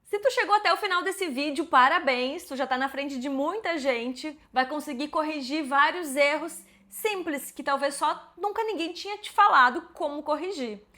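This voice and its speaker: Woman, forties, high voice, English teacher, clear explanatory lesson. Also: sharp tone. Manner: explanatory, slows down to model English words.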